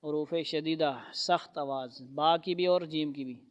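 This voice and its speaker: A man teaching a Quran reading lesson in a classroom, patiently calling out letter sounds loudly and explaining how each one is made. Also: a little high, slight background noise. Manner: patient, repeats letters loudly for students to echo.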